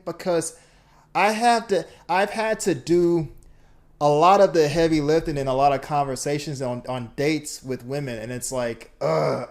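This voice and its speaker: A man casually reacting to a video on a live stream, talking in a loose, rambling way with lots of fillers. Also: a little high.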